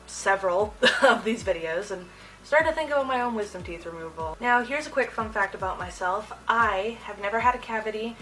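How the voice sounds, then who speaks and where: A young adult woman hosting a casual storytime vlog, talking in an animated, slangy way. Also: mid-range voice, fairly quick, recorded from a distance, rough recording. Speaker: video host. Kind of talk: casual personal storytime to camera.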